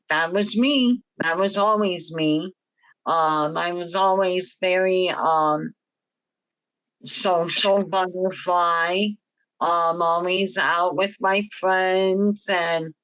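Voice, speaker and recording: Hypernasal helium-voiced woman, slow and halting. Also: lowish voice, a bit bright. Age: 50s. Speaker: panel guest sharing personal experience. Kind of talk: personal storytelling on a panel. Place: online video meeting. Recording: dull, lo-fi online meeting audio.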